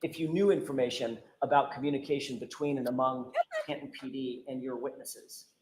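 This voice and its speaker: A man's voice: mid-range voice, fairly even intonation, a little fast, a little mellow, a little hiss or hum. A male defense attorney cross-examining a witness with persistent, pressing questions in a courtroom. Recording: roomy courtroom audio with faint ambience.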